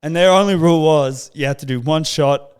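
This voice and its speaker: An Australian man hosts a podcast in casual chat, swearing and laughing as he tells stories. His voice is fairly high, fairly quick, smooth, and a little mellow.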